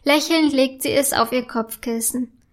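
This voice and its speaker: A woman narrating a children's story in a gentle, clear reading. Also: high voice, steady tone, unhurried.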